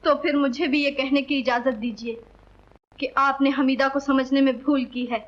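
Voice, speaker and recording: A woman's voice: high voice, fairly even intonation, normal speed, lightly acted. Woman playing a wronged, dignified young wife. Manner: formal, pleading, dignified Urdu diction. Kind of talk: 1940s film acting. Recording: dull old film soundtrack.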